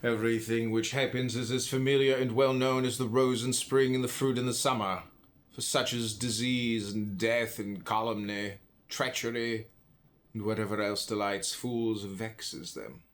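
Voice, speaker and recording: The speaker is an American man narrating philosophical prose for an audiobook, his pitch in the middle range and his intonation fairly even. Pauses set off each deliberate, emphatic phrase.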